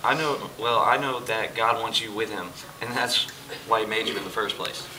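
A man on the low side, with fairly even intonation and a moderate pace, delivers his lines as Jesus in an amateur church stage play, explaining earnestly and patiently to a dinner guest. His tone is bright and forceful, with slight background noise. A far camera recorded him indoors on the church hall stage while music played behind.

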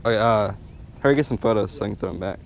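A man's voice: lowish voice, rapid-fire, vocal fry. A young man vlogging at a lakeshore, talking in a laid-back, rambling way. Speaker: fishing vlogger. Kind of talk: casual outdoor fishing chat. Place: lakeshore in woods, outdoors. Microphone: action camera.

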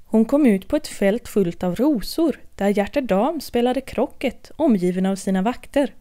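A woman narrating a bedtime story in a lively, expressive reading voice. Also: on the high side.

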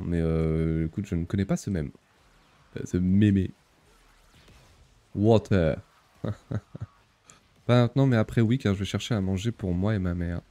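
A man's voice: fairly low pitch, warm tone. A young man chatting casually on a live stream, reading the chat aloud, laughing often and using many fillers.

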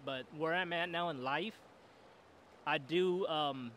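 A man in his forties muses aloud on a solo podcast, his voice a touch higher than most. He rambles and circles back, leaning on "you know what I mean" at every turn. He is seated outdoors at a boom mic, with faint outside noise behind him. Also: takes it slowly, fairly bright tone. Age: 40s. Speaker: podcast host. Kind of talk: casual solo monologue. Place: outdoors, seated in a camp chair in a river. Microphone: boom mic on a stand.

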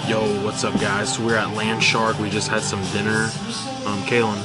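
A man's voice: fairly low pitch, little pitch movement, moderate pace, over loud music. A man hosting a casual vlog, joking and teasing in playful banter. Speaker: vlog host.

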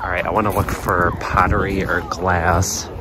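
A man giving casual running commentary while browsing an outdoor flea market, murmuring excited remarks about items and prices, recorded on a handheld phone. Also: sits low, moderate pace. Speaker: vlogger shopping a flea market. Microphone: handheld phone camera, first-person view. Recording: loud outdoor background noise.

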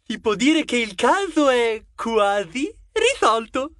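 A man's voice: very high-pitched, big pitch swings, slow, fairly bright tone, no echo, pitched above the performer's own voice, full character voice. Man doing an eager boastful mouse sidekick.

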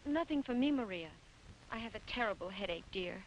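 A woman's voice: mid-range voice, animated, a little fast, muffled recording, a little hiss or hum, lightly acted. A woman playing a bewildered, dazed mother. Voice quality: soft, bewildered. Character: confused hypnotized mother. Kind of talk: 1950s dubbed film dialogue.

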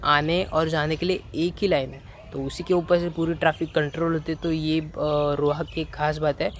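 A young man filming himself with a phone at arm's length on an outdoor railway platform. He explains casually and pauses for fillers. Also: a little high, slight background noise. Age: young adult. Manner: chatty, explanatory, halting with fillers. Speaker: travel vlogger. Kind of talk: casual travel vlog.

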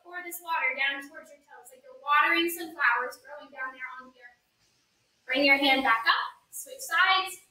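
A woman with a very high, bright voice speaks in the manner of a kindergarten teacher. She gives small children simple, encouraging instructions. The sound is roomy, picked up from a few steps away. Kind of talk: kindergarten teacher talk, guiding young children through story yoga. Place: indoor yoga studio room. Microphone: camera mic a few metres away. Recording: roomy, distant camera microphone.

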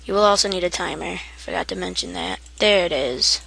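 A woman's voice: fairly low pitch, brisk, vocal fry, a bit bright, breathy edge. A woman giving a casual, rambling game tutorial, half asleep and self-deprecating, with keyboard typing behind her. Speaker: gaming tutorial maker.

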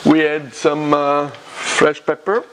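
A man's voice: a little high, completely flat delivery, takes it slowly, background noise. A man in his fifties with an Italian accent, casually hosting a cooking demonstration in short, repeated phrases, recorded in a home kitchen. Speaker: cooking show host.

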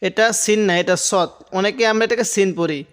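A man's voice: high voice, a little fast. A man teaching Quran reading, spelling out each letter and syllable, then chanting the verses drawn out. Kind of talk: slow spelled-out Quran recitation lesson.

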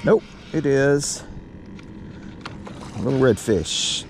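Slow and mid-range, a middle-aged fishing vlogger's voice carries a casual, folksy chat as he fishes outdoors from a small boat on calm water. The recording comes from a body-worn action camera and has steady outdoor noise.

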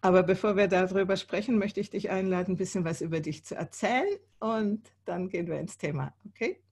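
A woman's voice: medium pitch, brisk, darkish tone, husky. A woman in her sixties hosting a video call interview, conversational and thinking aloud with occasional fillers. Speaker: host. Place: indoor room.

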